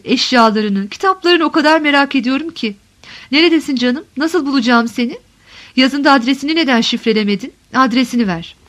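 A desperate middle-aged wife pours out her longing in a high, tender voice, read by a woman. She pleads and insists with deep emotion, as in an audiobook of a literary novel. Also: fairly bright tone. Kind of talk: audiobook reading.

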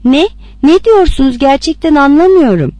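A woman's voice: high voice, expressive, normal speed, dark tone, no echo, voice pushed up. Woman reading a frightened pleading man. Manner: pleading, nervous.

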